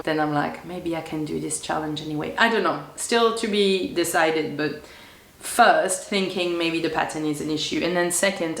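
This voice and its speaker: A young woman with a head cold talks casually to camera from her sewing room, her voice low-pitched, croaky and hoarse. She rambles chattily with plenty of fillers, and the room gives her voice a noticeable echo. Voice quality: deep, croaky voice. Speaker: sewing vlogger.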